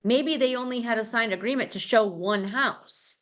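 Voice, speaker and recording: A woman's voice: on the high side, moderate pace, fairly bright tone. A middle-aged woman leading a casual real estate team training, chatty and rambling, with many fillers and restarts.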